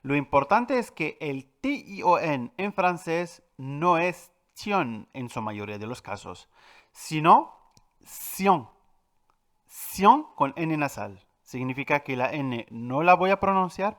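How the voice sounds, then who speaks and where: Man, language teacher, lesson, animated pitch, patient, repeats words slowly. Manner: addresses viewers directly, with filler "eh". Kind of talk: French pronunciation lesson.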